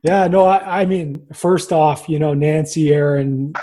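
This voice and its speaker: Upbeat mellow-voiced male podcast host. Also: fairly high pitch, steady tone, a little slow. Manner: enthusiastic, upbeat. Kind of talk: casual panel chat.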